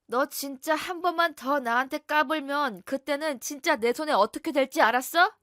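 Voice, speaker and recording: A woman's voice: high-pitched, normal speed, pushed and bright, no room sound, studio quality, voice pushed up. A woman voicing a young husband who bullies and threatens his wife, then turns fake-polite. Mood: menacing. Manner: threatening, then smooth and apologetic.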